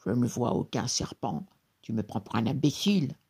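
A storyteller voicing a hulking, greedy male forest genie who turns cowardly, with a husky, grumbling storybook voice. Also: medium pitch, steady tone, a little slow, dark tone. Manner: grumbling, then whimpering and pleading. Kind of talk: storybook character voice.

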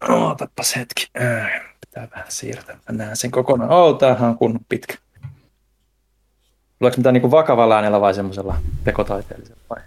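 A young man co-hosting a casual podcast chat, relaxed, at times reading a poem aloud slowly. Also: medium pitch, creaky, husky. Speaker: podcast co-host.

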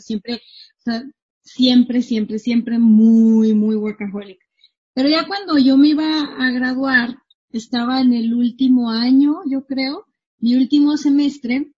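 Young woman, kinda high voice, rambly with lots of fillers, dull lo-fi sound. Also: a little mellow. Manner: repeats and restarts words, fillers like "o sea" and "este". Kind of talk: casual personal story. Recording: slightly dull lo-fi recording.

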